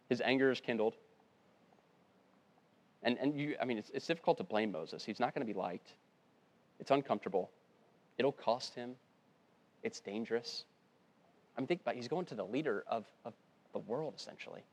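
A man preaching a sermon, earnest, often dropping to a soft, low voice to stress a point. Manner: earnest, drops to a hushed low voice for emphasis. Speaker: pastor.

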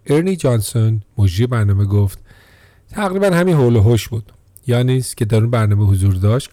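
A man reading a scripted documentary narration in a steady, measured way. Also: fairly low pitch, dry recording.

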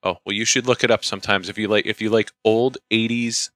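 A man co-hosts a podcast in relaxed conversational style, telling stories. His voice sits low but has a bright, forceful edge, captured very dry. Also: brisk, no echo. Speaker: podcast co-host. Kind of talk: casual chat, anecdotes.

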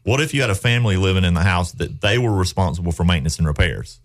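A man hosts a real estate radio show from a studio, speaking fast and expressively in a deep voice. His casual talk is folksy and persuasive, full of leading questions.

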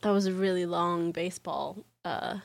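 A woman's voice: on the low side, normal speed, gravelly. A woman cohosting a podcast, making dry, teasing remarks in casual banter. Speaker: podcast co-host.

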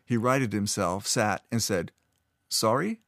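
A man with a lowish voice narrating a fantasy story in a steady, measured way. The recording is dry and close, with no room sound. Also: no echo.

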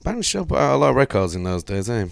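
A man's voice: mid-range voice, sing-song, fast talker, gravelly, no room sound. A man, co-hosting a casual podcast chat and reading through his notes with lots of fillers. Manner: rambling, reads notes aloud with fillers. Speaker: podcast co-host.

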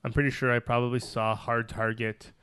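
Male co-host, mid pitch, smooth clear voice, jokey, dry sound. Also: level tone, a little fast, fairly bright tone, dry recording. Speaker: podcast co-host. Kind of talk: casual chat.

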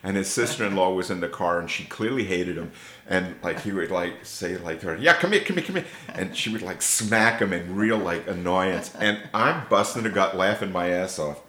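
A man, an interview guest and bass player, telling rambling, emotional anecdotes. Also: fairly even intonation, normal speed, fairly bright tone. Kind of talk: storytelling interview. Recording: echoey room.

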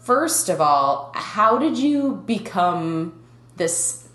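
A young Minnesotan woman hosts a casual podcast, chatty and quick to laugh. Her voice sits a little low and carries some roominess around it. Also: very animated, a bit bright, roomy sound. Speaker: podcast host.

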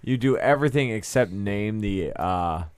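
A man's voice: lowish voice, animated, moderate pace, smooth, dry recording. Laughing man rambling through banter. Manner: laughing, rambling mock apology. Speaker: comedian guest. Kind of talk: casual podcast banter.

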